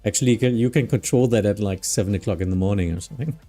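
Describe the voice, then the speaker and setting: Mellow German man working air traffic control. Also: on the low side, racing, soft background music. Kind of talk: air traffic control radio phraseology and casual commentary.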